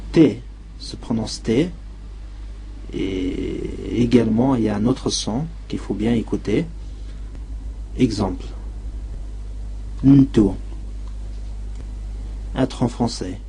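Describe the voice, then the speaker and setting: Male language tutor, dark low voice, very slow careful delivery, faint noise floor. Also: low-quality recording. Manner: slow, deliberate word-by-word pronunciation. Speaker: language teacher. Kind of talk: slow dictated vocabulary lesson.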